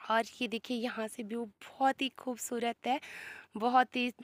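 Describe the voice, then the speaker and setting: A woman's voice: a little high, fairly even intonation, measured pace, no echo. A woman with a sore throat, chatting to viewers in a casual walk-along vlog on a hillside. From Himachal Pradesh, India. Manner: chatty, talks straight to viewers. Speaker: village life vlogger. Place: outdoors on a steep grassy hillside.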